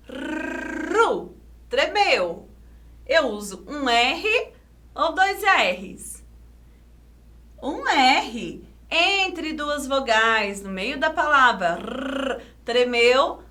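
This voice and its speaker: Woman, Brazilian accent, children's teacher, slow over-enunciated syllables, very animated pitch. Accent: Brazilian Portuguese. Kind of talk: video lesson for children.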